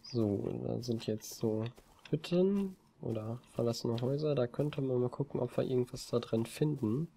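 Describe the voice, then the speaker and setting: Gravelly-voiced man chatting while gaming. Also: mid-range voice, moderate pace, a little hiss or hum. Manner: relaxed, rambling, many hesitations. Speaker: let's play gamer. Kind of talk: casual gameplay commentary. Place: home desk. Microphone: desk mic on a stand.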